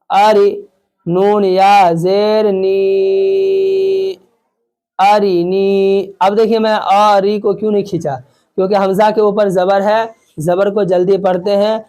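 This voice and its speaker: A man teaching Quran reading, spelling out syllables slowly and patiently asking and answering his own questions. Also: high-pitched, darkish tone, smooth. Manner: patient, repeats questions and answers them himself. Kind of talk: spelling-out lesson with drawn-out syllables.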